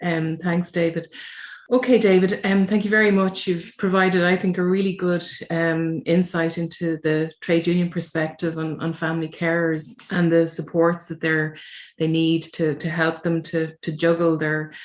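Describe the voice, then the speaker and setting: A woman hosting a podcast interview, thanking her guest in a measured way. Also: on the low side, level tone. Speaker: podcast host. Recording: echoey room.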